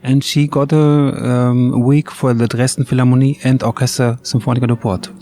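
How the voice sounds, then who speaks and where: Interviewed as a guest in an outdoor courtyard, a German orchestra bassist answers in English, not his first language, with a clear German accent and slightly imperfect grammar. His warm, middle-pitched voice keeps a level tone at normal speed while he hesitates and searches for words with many ums and uhs.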